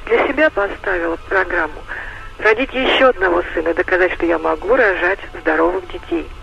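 A woman's voice: lowish voice, gravelly, slight background noise. Woman caller on a muffled phone line. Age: 40s. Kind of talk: phone-in call to radio.

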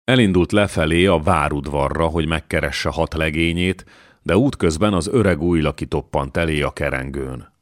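A male audiobook reader with an extremely deep voice, narrating in a measured, even way. He is recorded close on the mic, and the sound is dry with no room in it. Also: dry recording. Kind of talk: scripted narration of a historical novel.

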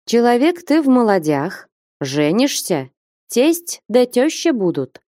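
A woman playing a stern, warm-hearted elderly merchant father who talks solemnly and emphatically, in an audiobook. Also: fairly high pitch, big pitch swings, slow, no echo, studio quality, pitched above the performer's own voice. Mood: fatherly.

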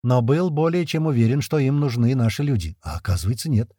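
A man tells a first-person audiobook story in a lively, colloquial voice. His tone is husky and mellow, and his pitch rises and falls a lot. The recording is dry and close. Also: fairly quick, no room sound. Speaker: audiobook narrator.

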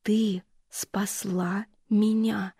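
A blunt, wounded mother barks orders in a hoarse, husky voice, as a woman reads her in an audiobook. Her pitch stays flat and her tone is mellow. The sound is close and dry. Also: unhurried, no echo. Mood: hushed. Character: tough wounded middle-aged mother, blunt.

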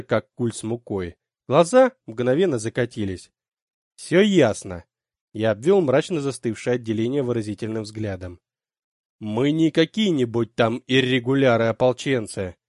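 A man reads a science-fiction war story aloud in the first person, his pitch rising and falling with animated expression. His medium voice sounds close and dry, with no room around it. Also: dry recording. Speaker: audiobook narrator. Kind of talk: first-person audiobook narration.

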